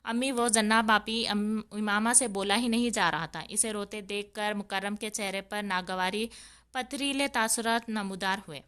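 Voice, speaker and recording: Smooth-voiced woman narrating a novel. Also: mid-range voice. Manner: steady dramatic storytelling. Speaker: audiobook narrator. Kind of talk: novel read-aloud.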